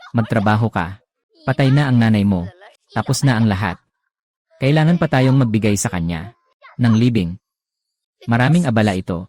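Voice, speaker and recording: A man's voice: medium pitch, a little mellow, lightly acted. A man voicing a cruel, scheming middle-aged aunt in a drama recap voice-over, with scornful, mocking speech.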